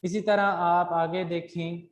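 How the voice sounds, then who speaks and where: A teacher with a Pakistani accent giving an English grammar lesson to children, speaking slowly and deliberately, spelling words letter by letter and checking in often. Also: medium pitch, flat delivery, dull audio. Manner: switches between Urdu and English reading of textbook lines. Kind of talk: recorded class lesson for children. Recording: echoey hall with long reverb.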